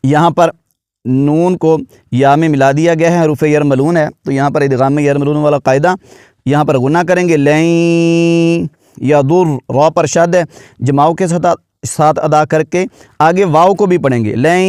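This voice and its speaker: A man teaching Quran recitation, his voice fairly high and resonant. He explains each rule patiently, then chants the verses slowly with long drawn-out vowels. The sound is dry and close. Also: fairly even intonation, a little mellow, clear, resonant tone, no echo. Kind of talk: tajweed lesson with chanted recitation.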